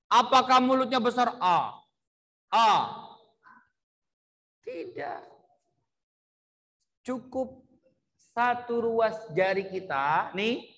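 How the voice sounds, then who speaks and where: A man's voice: extremely high pitch, expressive, slow pace, pauses often, sharp tone, long reverb tail. A man teaching Quran recitation, demonstrating vowel sounds and having the class repeat them.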